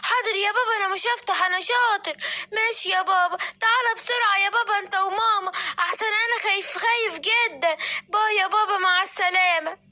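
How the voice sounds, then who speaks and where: A woman's voice: extremely high pitch, fast, pushed and bright, pitched above the performer's own voice. A woman with an Egyptian accent voicing a small, frightened, obedient lion cub in a children's bedtime story. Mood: scared. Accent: Egyptian Arabic.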